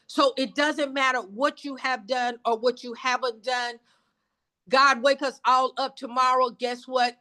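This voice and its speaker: A woman's voice: on the high side, fairly bright tone. A woman in her seventies leading an online sales meeting with an emphatic, repetitive, preacher-like cadence. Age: 70s. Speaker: business team leader. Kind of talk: motivational sales call.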